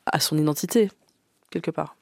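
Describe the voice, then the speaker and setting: Intervieweur homme, posé, voix un peu haute, son sec. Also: male voice, on the high side, creaky, darkish tone, dry recording. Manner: measured, reads quotes, brief acknowledgements. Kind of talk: radio interview.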